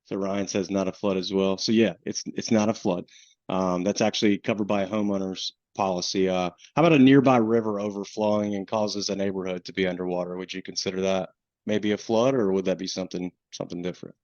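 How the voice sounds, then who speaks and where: A flood insurance program manager with a Southern US accent presents a webinar in a loose, conversational style, frequently restarting sentences and using fillers. His low, slightly mellow voice is steady and fairly quick, coming over a dull, lo-fi call line that sounds dry and close with no echo.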